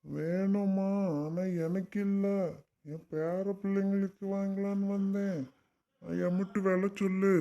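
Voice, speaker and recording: A woman voicing a grumbling, stingy old grandfather with a southern Tamil Nadu accent, bossy and gruff. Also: mid-range voice, little pitch movement, unhurried, warm tone, lo-fi sound, pitched below the performer's own voice, natural voice.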